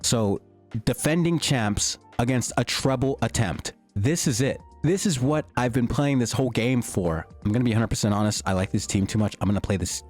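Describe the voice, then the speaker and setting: A young man giving excited, slangy commentary over his own gameplay, his voice starting to go. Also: medium pitch, fairly quick, faint music behind. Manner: hyped, slangy, swings between joking and shouting. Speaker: gaming YouTuber. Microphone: desktop mic, peaking.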